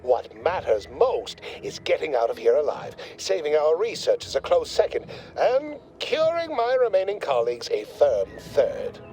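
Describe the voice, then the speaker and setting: A man's voice: on the high side, big pitch swings, moderate pace, few pauses, dark tone, poor audio. An actor playing a pompous male corporate scientist in a video game, speaking in verbose, condescending corporate jargon. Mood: smug.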